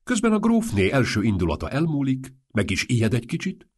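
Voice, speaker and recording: A man voicing a quick-witted, practical painter who speaks urgently and briskly. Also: medium pitch, huge pitch swings, darkish tone, slightly rough, pitched above the performer's own voice. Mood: persuasive.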